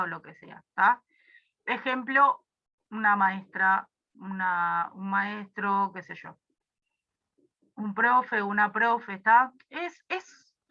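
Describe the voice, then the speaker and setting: A woman's voice: medium pitch, pushed and bright, lo-fi sound. A young woman with a Rioplatense Spanish accent, tutoring a review class casually with many fillers and asides.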